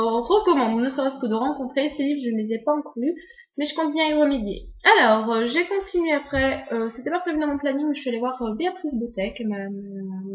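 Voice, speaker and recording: A woman's voice: on the high side, reverberant, muffled recording. A young woman vlogging casually, talking hesitantly with many fillers and restarts. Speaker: book vlogger. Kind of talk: casual vlog chat.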